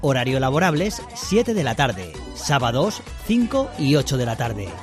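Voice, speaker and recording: Lively man announcing a radio ad. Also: mid-range voice, moderate pace. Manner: punchy announcer delivery. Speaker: commercial announcer. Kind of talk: radio ad voice-over. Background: music.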